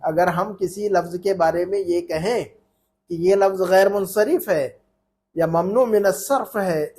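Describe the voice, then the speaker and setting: Male Arabic tutor, high husky voice, patient and repetitive. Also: a little mellow. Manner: explains patiently, repeats points, often asks "है ना?". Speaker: Arabic teacher. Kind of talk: informal online Arabic lesson.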